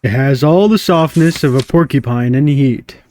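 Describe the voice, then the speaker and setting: A man doing a pompous breathy gorilla genius. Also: a little mellow, slight background noise, natural voice. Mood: scornful. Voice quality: deep, breathy. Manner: pompous, slow critical pronouncements. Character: haughty gorilla genius, deep breathy male.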